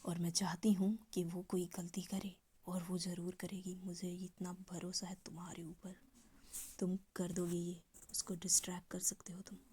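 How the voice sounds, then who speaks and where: A woman voicing a scheming young woman who talks in a hushed, conspiring way. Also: on the low side, monotone, normal speed, husky.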